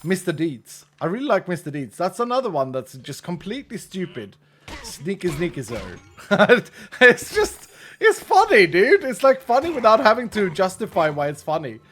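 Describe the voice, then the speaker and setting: A man from Sweden, Swedish being his first language, talks at a normal speed in a high, a bit bright voice full of big pitch swings, with faint music behind. He has a Swedish accent and chats casually with viewers while gaming, self-deprecating and laughing often, his thoughts trailing off midway.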